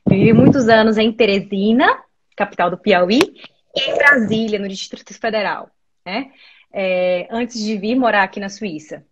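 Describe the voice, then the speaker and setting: A woman's voice: medium pitch, normal speed, husky. Thoughtful Brazilian woman on dull call audio. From Maranhão, Brazil. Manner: thoughtful, many "é" and "né" fillers. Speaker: lawyer, guest. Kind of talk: conversational interview answers. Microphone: video call.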